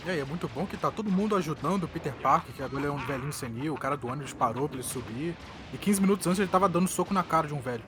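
A man's voice: fairly high pitch, expressive, very fast, music in the background. A man with a Brazilian accent giving casual, chatty commentary on a cartoon.

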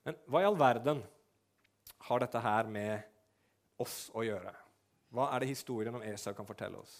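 Man preaching a lively sermon. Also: medium pitch. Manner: lively storytelling, briefly acting out the figures' lines.

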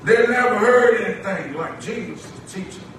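A pastor preaching a sermon, stretching his phrases in a drawn-out cadence that swells on key words. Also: high-pitched, expressive, a bit bright, faint music behind. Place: church sanctuary. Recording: very echoey church recorded from a distance.

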